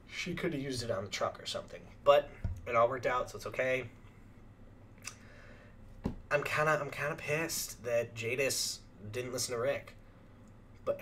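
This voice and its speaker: A young man hosting a reaction channel who chats casually and rambles with lots of fillers, clearing his throat as his voice starts to go. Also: mid-range voice, a bit bright, slight background noise. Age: young adult. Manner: rambling, filler-heavy chatter.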